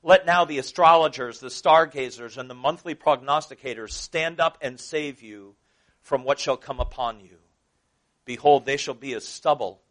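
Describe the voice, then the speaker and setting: A man in his thirties delivers a sermon at an ordinary middle pitch. He reads scripture, then explains it in a loose, conversational manner and keeps asking his listeners questions. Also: moderate pace, fairly bright tone. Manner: conversational, asks the listeners questions, dramatic paraphrase. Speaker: pastor.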